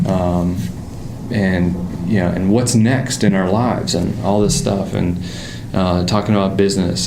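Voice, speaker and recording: Background noise and a roomy sound surround this deep-voiced Pittsburgh-area man, whose accent marks him as from that part of the United States. A motorcycle designer and interview guest, he chats casually, telling relaxed stories packed with fillers and false starts.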